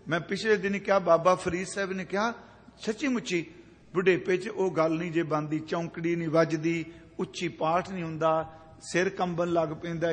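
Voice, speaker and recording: A man in his fifties giving a sermon, chanting verses slowly and then explaining each word in plain speech. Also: fairly high pitch. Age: 50s. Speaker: Sikh preacher. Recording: long hall reverb.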